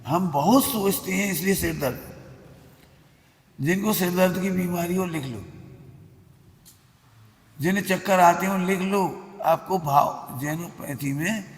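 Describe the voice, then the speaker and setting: A man giving a religious sermon in a temple hall, speaking bluntly and emphatically, scolding his listeners. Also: on the high side. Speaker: religious teacher. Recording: echoey hall with long reverb.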